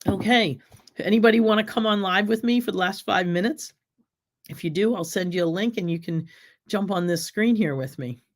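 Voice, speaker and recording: Still getting over an illness, this middle-aged cooking show host from the United States has a slightly raspy, medium-pitched voice and a moderate pace. On her casual livestream she chats with viewers in a friendly, rambling way, full of ums, and reads their comments out loud.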